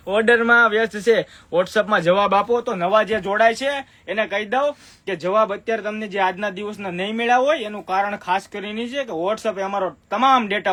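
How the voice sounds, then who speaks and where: A man running a chatty, persuasive live-stream sales pitch from a clothing shop, repeating his points as he shows products.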